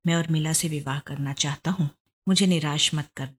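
An affable, well-off young man, played by a woman reading a story. He jokes warmly and speaks with earnest feeling. The voice stays close to the narrator's own, slightly low. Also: steady tone, normal speed, husky. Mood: warm, joking. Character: rich affable young man, warm and joking.

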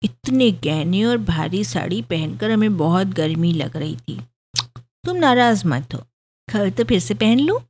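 A woman's voice: medium pitch, big pitch swings, unhurried, a little mellow. A woman voicing a playful, pampered young bride, with a pouting, teasing sing-song delivery in a storybook reading. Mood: girlish.

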